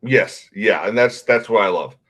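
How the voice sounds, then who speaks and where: A man with a fairly low voice and a drawl, talking video games in a relaxed, blunt way. He laughs easily and keeps the chat loose. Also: normal speed, breathy edge. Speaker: podcast host. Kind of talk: casual gaming chat.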